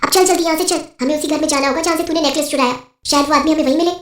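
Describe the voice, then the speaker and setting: A woman voicing a bossy older female witch in a cartoon, scolding and brisk. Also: sits high, steady tone, fairly bright tone, recorded from a distance. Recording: roomy echo.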